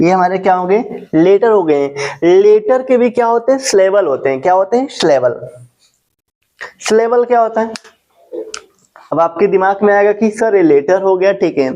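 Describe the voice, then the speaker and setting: High-voiced teacher, muffled lo-fi recording. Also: male voice, warm tone. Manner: repeats questions and answers them himself; slow, dictating English definitions. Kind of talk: grammar lesson.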